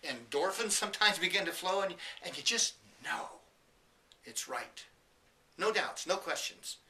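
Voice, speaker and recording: A motivational speaker gives an earnest, emphatic talk, telling stories and acting out the people in them with quoted voices. His high voice is sharp-toned with lively intonation and an unhurried pace, heard in a rough recording made from a distance.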